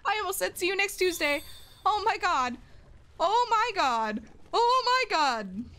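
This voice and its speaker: Woman, horror game streamer, very high voice, slow drawn-out delivery, constant swearing, sudden shrieks. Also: big pitch swings, bright, forceful tone. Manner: swears a lot, yelps and shrieks at scares. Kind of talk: live horror game reaction.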